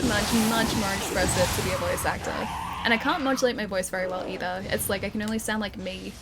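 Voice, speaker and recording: There's a little hiss or hum as a young woman with a slightly high, somewhat bright voice streams a game. She keeps things casual with her live chat, commenting on play, laughing often, and restarting sentences.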